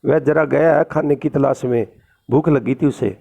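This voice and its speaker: A man's voice: mid-range voice, fairly even intonation, moderate pace, creaky, dark tone. A man voicing a stiff, upright, worried lamp post in a storybook play.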